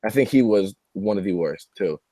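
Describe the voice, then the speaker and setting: A man's voice: on the low side, expressive, normal speed, dark tone, no echo. A young man in his twenties chatting casually about sports, blunt and offhand.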